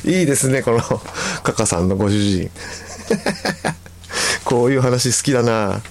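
A man hosting a radio show, reading listener letters aloud and chatting about them in a relaxed way with frequent chuckles. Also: mid-range voice, measured pace, slight background noise. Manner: relaxed, chuckles often, comments between letters. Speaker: musician.

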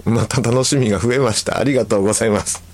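A man hosting a radio show, reading listener letters aloud and chatting about them in a relaxed way with frequent chuckles. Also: fairly low pitch, fast. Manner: relaxed, chuckles often, comments between letters. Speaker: musician.

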